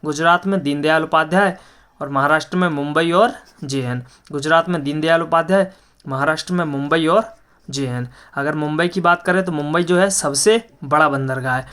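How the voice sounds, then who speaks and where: A man's voice: on the high side, normal speed, a bit bright, clean tone. A man teaching an exam-prep geography lesson, who asks each question and answers it himself, repeating facts with frequent hesitations.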